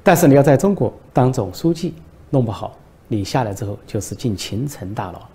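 A man's voice: medium pitch, animated, brisk, dark tone, lightly acted. Man doing a sarcastic, needling president. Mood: lecturing. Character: sarcastic, irritated male European president.

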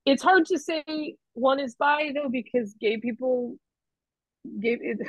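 A woman comedian chatting as a guest on a podcast, animated and laughing at her own jokes. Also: high voice, unhurried, no echo. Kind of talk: casual podcast chat. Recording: dull lo-fi podcast audio.

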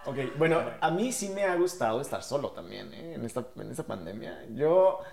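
A man's voice: mid-range voice, very animated, moderate pace, gravelly, echoey room, noisy background. Laid-back Mexican man, slangy chat. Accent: Mexican Spanish. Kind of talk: casual chat.

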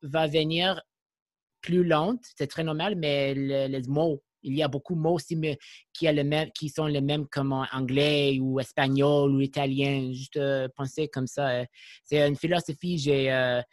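A man hosting an interview in French, his second language, speaking with an English-speaking accent, slowly and hesitantly with many pauses and fillers. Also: on the high side, level tone, dry recording, clean studio sound. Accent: English-speaking learner of French. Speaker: podcast host.

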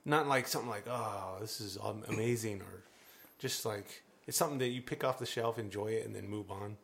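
A man's voice: lowish voice, a little fast, vocal fry, a bit bright. A man from the Phoenix area chatting casually, hesitant and rambling with many fillers. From Phoenix area, Arizona. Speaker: beer club member. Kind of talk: casual group chat.

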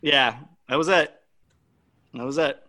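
A man's voice: medium pitch, measured pace, pushed and bright. A man playing a casual movie quote guessing game with friends, laughing often. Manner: laughing, easygoing. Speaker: quiz game player. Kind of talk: casual chat.

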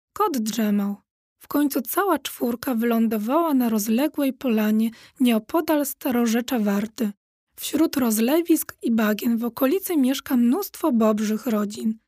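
A woman narrating a children's audiobook with lively, expressive storytelling. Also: fairly high pitch, no room sound, clean studio sound.

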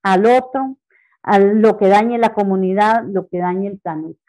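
Woman pastor, calm explainer, mid pitch, plain voice. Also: measured pace, low-quality recording. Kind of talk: panel discussion.

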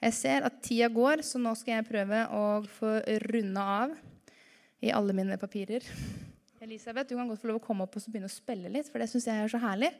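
A woman preaching a lively sermon to her congregation, full of rhetorical questions. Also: fairly high pitch. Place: church hall. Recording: reverberant church hall.

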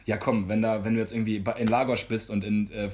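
A man's voice: on the low side, level tone, fast talker, darkish tone. Slangy young man telling stories. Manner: slangy, rambling storyteller with frequent restarts. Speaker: podcast co-host. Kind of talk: casual chat.

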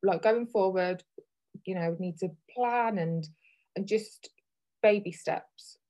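A woman's voice: mid-range voice, slow pace, mellow, rough recording. Candid, chatty woman hosting a podcast, thirties. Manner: candid and chatty, laughs easily. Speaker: podcast host. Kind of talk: casual chat.

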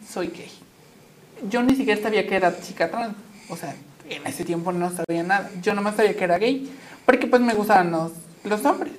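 A young woman with a Mexican accent speaks as a guest in an interview. She is chatty and animated, with plenty of fillers and a mid-range pitch. Faint background noise sits under her voice. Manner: animated, chatty, laughs often, many fillers. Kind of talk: personal storytelling in conversation.

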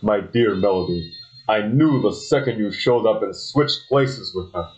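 A man voicing a suave, calculating aristocratic husband in a parody soap opera, with smooth, theatrical delivery. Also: fairly low pitch, lively intonation, unhurried, rough recording. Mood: smug.

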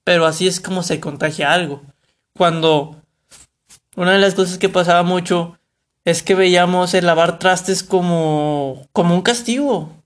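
A young man with a Mexican Spanish accent and a high voice reviews a book casually to camera, speaking a little slowly with fairly even intonation. He rambles, uses colloquial language, and keeps correcting himself.

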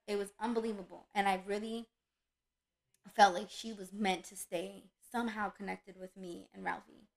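A woman talks in an easy, casual chat, her voice carrying a gravelly edge. She tells stories with lively energy and slips into playful voices for her dogs. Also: medium pitch, moderate pace, poor audio. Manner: animated storyteller, acts out her dog's voice. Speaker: dog breeder.

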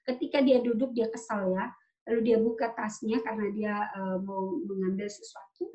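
A woman's voice: a little high, warm tone. A woman preaching and retelling a story to her congregation in a chatty way, with many fillers and tag questions. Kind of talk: sermon storytelling. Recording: dull lo-fi sound.

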